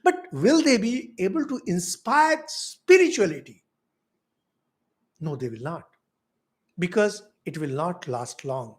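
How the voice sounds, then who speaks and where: Animated Indian man lecturing with swooping pitch. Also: slow, pauses often. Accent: Indian English. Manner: animated, rhetorical questions, wide swings in pitch and loudness. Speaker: monk teaching spiritual philosophy. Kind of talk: spiritual lecture.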